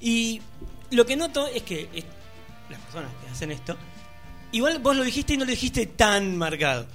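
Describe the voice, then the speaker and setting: A man's voice: extremely high pitch, big pitch swings, normal speed, fairly bright tone, soft background music. An Argentine man on a podcast, explaining himself curiously with small hesitations in casual chat.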